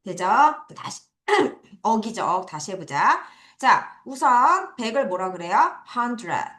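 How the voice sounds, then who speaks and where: Lively Korean-speaking woman teaching kids. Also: medium pitch, takes it slowly, reverberant. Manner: explains step by step with quiz questions to students. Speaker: English teacher. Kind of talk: recorded online lesson for children. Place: classroom at an academy.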